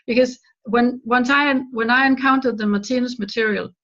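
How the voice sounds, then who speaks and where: Gravelly woman on a dull line. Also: fairly high pitch, steady tone, a bit bright. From Denmark. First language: Danish. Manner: earnest, halting with restarts. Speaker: guest author. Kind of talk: remote interview answers. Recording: dull lo-fi call audio.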